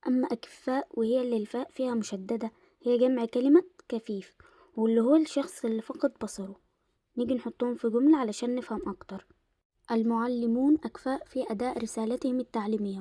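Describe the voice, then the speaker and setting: A young woman with an Egyptian Arabic accent teaches an Arabic lesson in a casual, explanatory way, slowing down to stress pairs of words. Her voice is a little high, steady and mellow, and the recording is dry.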